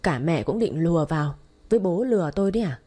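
A woman voicing an angry, bullying young husband who shouts and sneers in an audio story. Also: lowish voice, expressive, fast talker.

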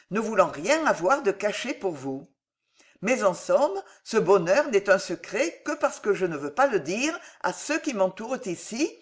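An audiobook reader voicing a devoted young count who speaks to his friend with fervent warmth. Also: medium pitch. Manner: fervent, slightly louder. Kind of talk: audiobook character reading.

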